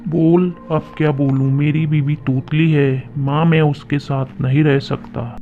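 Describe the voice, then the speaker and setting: A man's voice: a little high, little pitch movement, unhurried. A man voicing an irritable young groom who complains and grows impatient, on a tinny phone-like track with faint music behind. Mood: irritated.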